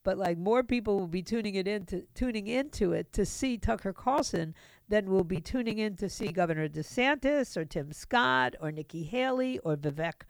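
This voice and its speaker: A woman's voice: lowish voice, smooth, no echo. A middle-aged woman hosting a talk radio show, giving a sardonic, opinionated monologue full of asides.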